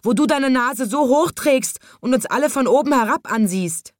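A woman voicing a shrill male parrot in a storybook, speaking in a screeching way. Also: lively intonation, normal speed, no echo, clean studio sound. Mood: shrieking. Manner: shrieking.

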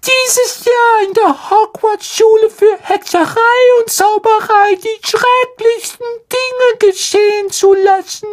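Actress doing a tiny male house-elf, very high, squeaky and hoarse, slow and teary, storybook audiobook. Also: fairly even intonation. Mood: tearful. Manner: squeaky, slow and pleading, on the verge of tears.

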